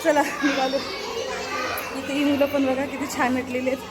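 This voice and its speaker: Mom vlogger talking to camera, high voice, lots of chatter and noise behind. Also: female voice, little pitch movement, normal speed. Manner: chatty, narrates errands to the camera. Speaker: vlogger and mother. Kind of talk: casual family vlog narration. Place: home and school, indoors and out. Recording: busy room, loud background chatter and noise.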